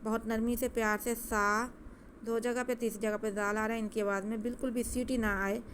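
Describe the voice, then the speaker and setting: A woman teaching Quran recitation step by step, explaining gently and patiently at a quick pace. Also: a little high, level tone, a little hiss or hum.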